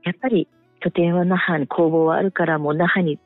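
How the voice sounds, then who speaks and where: A woman, a soft-spoken interview guest who talks hesitantly with many fillers. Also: fairly low pitch, steady tone, brisk, dry recording, soft background music. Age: 50s. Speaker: guest, clothing brand manager. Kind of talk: casual interview chat. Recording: tinny phone-like line, dry.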